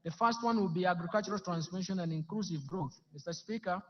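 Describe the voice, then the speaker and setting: Kenyan guy reading a budget speech off the tv in the room, far off and dull, high voice. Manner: steady, measured delivery of figures. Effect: television audio heard through a room. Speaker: government speaker delivering budget. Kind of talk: formal read speech. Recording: distant, roomy, dull TV sound from far off.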